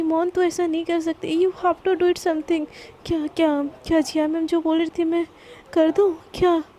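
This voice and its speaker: A woman's voice: very high-pitched, warm tone. A woman voicing a shy, lovestruck young woman talking herself through her feelings with much stammering. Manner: stammering, anxious self-talk.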